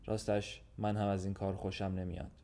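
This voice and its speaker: Storybook voice: man reading as a gruff old gendarme, fatherly and blunt, weary, plain-spoken, low and mellow. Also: flat delivery, a little hiss or hum. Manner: plain, weary, matter-of-fact speech.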